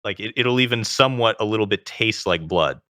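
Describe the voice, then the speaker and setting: A man explaining things conversationally as an interview guest, in a measured, qualifying way, with vocal fry in his voice. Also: lowish voice, sharp tone, no room sound, studio quality. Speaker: interview guest, self-taught singer.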